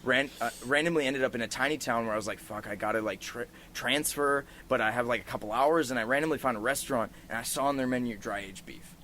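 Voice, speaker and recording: Speaking fast with hardly any pauses, a podcast host with a medium-pitched, sharp-toned voice swaps profane anecdotes in loose, informal conversation. Outdoor porch noise surrounds the recording.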